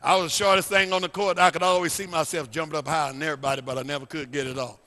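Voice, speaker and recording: A male pastor preaching a sermon, swinging between loud and hushed lines and repeating phrases. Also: on the high side, steady tone, very fast, long reverb tail. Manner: preachy, rising and falling dynamics, repeats phrases. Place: church sanctuary.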